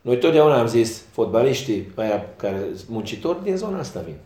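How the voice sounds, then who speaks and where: A man's voice: mid-range voice, big pitch swings, mellow. A man speaking as a football coach at a post-match press conference, frank and self-critical. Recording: roomy echo.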